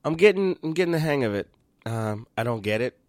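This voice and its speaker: A man's voice: mid-range voice, expressive, a little fast, no room sound, studio quality. A man as a podcast guest, telling crude, self-mocking stories in casual chat.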